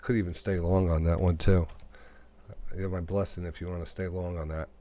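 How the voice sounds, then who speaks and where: Man, New York accent, deep voice, live trading commentary, talks to himself. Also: flat delivery, brisk, dark tone. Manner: thinks aloud, talks to the market and himself. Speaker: day trading radio host.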